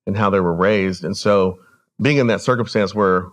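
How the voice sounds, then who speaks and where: A man born in El Salvador, a podcast guest telling his family's story in an earnest, measured way. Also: low voice. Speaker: guest, regional director. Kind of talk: storytelling interview.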